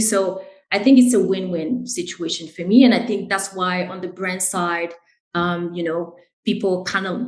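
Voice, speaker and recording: This fairly low-pitched woman, who grew up in Haiti, is a brand director being interviewed about her work. Her tone is earnest and chatty, leaning on "right?" and "you know", and the audio is low quality with a roomy sound.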